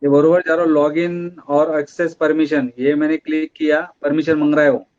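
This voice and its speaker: Male technician, halting and monotone, muffled dry line. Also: a little high. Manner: hesitant, explaining step by step. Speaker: technician asking a question.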